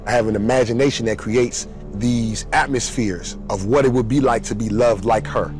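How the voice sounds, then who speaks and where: A young man telling his personal testimony in an earnest, emotional way, with sudden rises in pitch. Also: normal speed, a little mellow, soft background music. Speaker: testimony speaker.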